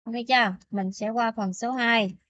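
A woman teacher explaining pronunciation rules in a language lesson, often checking in with her students with quick questions. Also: a little high, steady tone, fairly bright tone, no echo, highs cut off.

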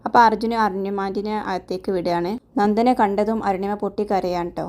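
A woman's voice: medium pitch, steady tone, fairly quick, darkish tone. A woman casually retelling a TV serial episode, chatty and friendly in tone. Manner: chatty, adds a friendly "tto" tag to sentences. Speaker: TV serial reviewer.

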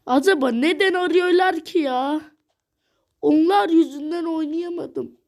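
A woman's voice: extremely high pitch, measured pace, a little mellow. A woman vlogger giving casual commentary while she plays a game, exasperated and repeating her words over and over. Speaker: gaming vlogger.

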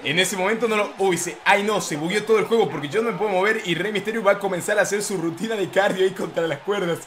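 A young man giving excitable let's-play commentary, shouting play-by-play calls. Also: sits high, fast. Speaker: gaming YouTuber.

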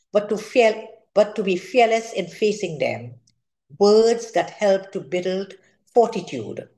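With a medium-pitched, darkish voice, an older Trinidadian-accented woman delivers a literary talk as an author. She reads her prepared speech aloud formally and carefully while sitting at a table in a room at home.

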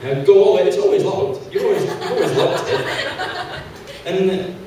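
A young man doing an animated stand-up routine on a small theatre stage, acting out the people he quotes. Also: high voice, moderate pace, a little hiss or hum. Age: young adult. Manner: animated, acts out quoted characters. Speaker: stand-up comedian. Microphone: handheld mic, far camera. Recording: echoey hall, from far off.

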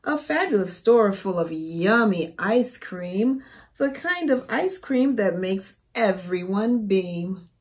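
A woman in her forties reading a storybook aloud to young children as a teacher, expressive and careful. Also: mid-range voice, slow pace. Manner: expressive, careful, asks the listener questions.

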